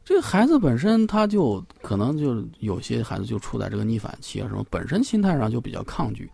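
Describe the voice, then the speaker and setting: A man's voice: medium pitch, very animated, quick pace, vocal fry, warm tone, slightly rough. A man speaking as a parenting expert on a radio talk show, explaining at length with many fillers and repeated phrases.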